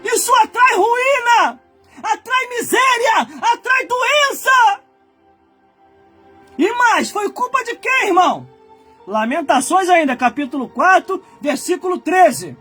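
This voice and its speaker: A Brazilian man in his forties preaching a fiery sermon, shouting and exhorting his listeners. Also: very high-pitched, lively intonation, takes it slowly, faint music behind. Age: 40s. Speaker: pastor.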